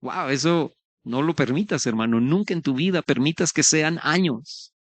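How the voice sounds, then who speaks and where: A man's voice: fairly high pitch, moderate pace, dry recording. A man preaching a sermon as pastor, earnest and conversational, speaking straight to his listeners.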